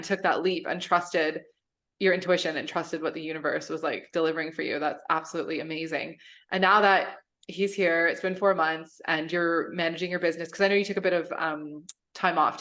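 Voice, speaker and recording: Enthusiastic woman podcast host, lower voice. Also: a bit bright. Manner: enthusiastic, gushing. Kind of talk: casual interview.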